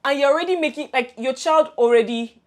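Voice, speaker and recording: There's a little hiss or hum behind this young Nigerian woman, whose voice sits high and moves fairly quickly. Co-hosting a casual podcast with her best friend, she tells stories animatedly, laughs frequently, and restarts many times.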